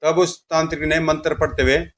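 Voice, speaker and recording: A man tells a horror comic story in a dramatic way. His voice sits slightly high for a man. He speaks the sound effects aloud as he goes. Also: little pitch movement, fairly quick, a bit bright, a little hiss or hum.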